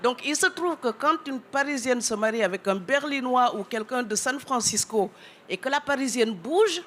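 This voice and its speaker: A woman from Senegal speaks firmly and directly on a discussion panel. Her voice sits a little high. Faint background noise runs under her words. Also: lively intonation, moderate pace, fairly bright tone. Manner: firm and assertive. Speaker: panel guest.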